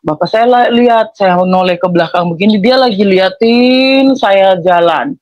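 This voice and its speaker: A woman tells her own story in a loose, conversational way, stopping to restart and correct herself. Her voice sits at a middling pitch, and the sound is close and dry with no room around it. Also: unhurried, darkish tone, no echo, highs cut off. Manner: rambling, with frequent self-corrections and restarts; acts out quoted dialogue with family. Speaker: person giving a religious testimony. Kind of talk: personal testimony, casual storytelling.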